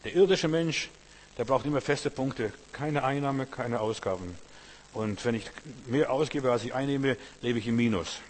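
A man preaching a sermon, emphatic and repetitive, swinging between loud and hushed passages. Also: medium pitch, moderate pace. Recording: long reverb with faint hum.

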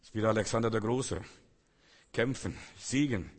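A man's voice: lowish voice, moderate pace. A man preaching a sermon, speaking emphatically with repeated phrases and rhetorical questions addressed straight to his listeners.

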